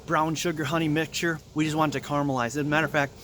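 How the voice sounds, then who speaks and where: A man's voice: a little high, little pitch movement, rapid-fire, a bit bright, slight background noise. A man hosting his own cooking video, chatty and upbeat, talking through each step at an outdoor grill. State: eyes runny from grill smoke. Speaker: cooking channel host. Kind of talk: casual cooking how-to vlog.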